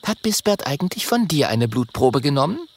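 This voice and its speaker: A man voicing a calm, soft-spoken little vampire boy in a children's audiobook. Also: fairly high pitch, a little fast, pitched above the performer's own voice.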